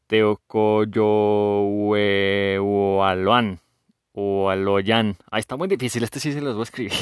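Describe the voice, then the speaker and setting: A man's voice: mid-range voice, very fast, hardly any pauses, husky, dry recording, studio quality. A man with a Mexican accent hosting a podcast as a casual, joking monologue full of slang and swearing. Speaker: podcast host.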